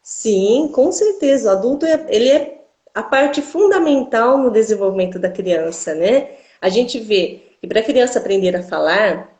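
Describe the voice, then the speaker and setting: This woman speaks in a mid-range, darkish voice, recorded with reverberation. A speech therapist with a Brazilian Portuguese accent, she gives didactic explanations in an interview and frequently closes phrases with "né?".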